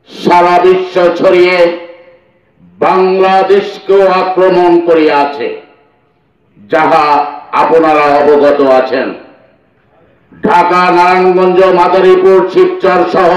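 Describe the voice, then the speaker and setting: A man making a formal public announcement through a loudspeaker, slow and measured, declaiming in short phrases. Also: high-pitched. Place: outdoors in a village. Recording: distant, echoey, dull loudspeaker sound.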